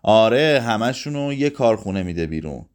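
A man voicing a gruff but kindly young man in a read-aloud story, asking blunt, teasing questions. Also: fairly low pitch, very animated, a little mellow. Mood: explaining.

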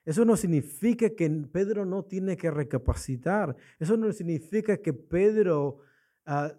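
A man's voice: high voice, animated, a little slow, mellow. A man preaching a sermon in a church, asking his congregation rhetorical questions and repeating his key points. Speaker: pastor.

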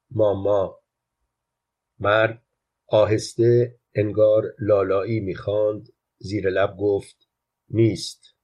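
A man narrating a literary short story, his voice low and husky. He keeps a quiet, even storytelling delivery throughout. The reading sounds unhurried and intimate. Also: dull audio.

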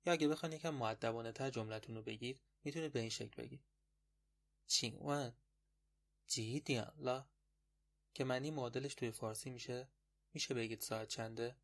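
A man teaching a podcast language lesson in a patient, explanatory way, repeating words slowly. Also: medium pitch.

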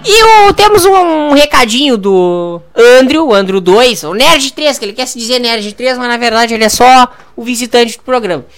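High-voiced woman host, rambling jokey announcer for a homemade comedy radio show. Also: lively intonation, moderate pace, few pauses.

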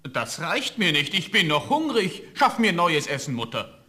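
A blunt young giant, the hungry son of a farmer in a radio play. The voice is bright and forceful, with a rather high pitch for a man. Its pitch swings widely as he demands more food. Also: very animated, a little slow, heavily acted. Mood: demanding. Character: young male giant, huge, strong and always hungry.

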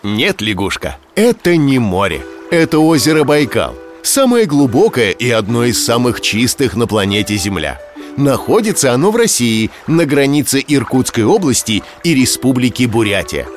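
A man's voice: medium pitch, big pitch swings, moderate pace, faint music behind, natural voice. A man voicing a friendly, knowing talking globe who guides travels in a children's cartoon, with playful, teasing explanations. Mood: explanatory. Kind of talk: animated children's cartoon dialogue.

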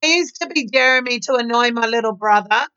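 A giggly, agreeable woman co-hosting a podcast, with a high, bright and smooth voice. She talks slowly and easily. The sound is a bit dull and lo-fi. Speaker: podcast co-host. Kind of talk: casual chat.

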